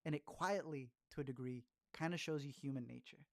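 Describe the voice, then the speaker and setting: A man's voice: medium pitch, a little fast, vocal fry, no echo, studio quality. A man casually chatting through film reviews as a podcast host, rambling along with fillers and restarts.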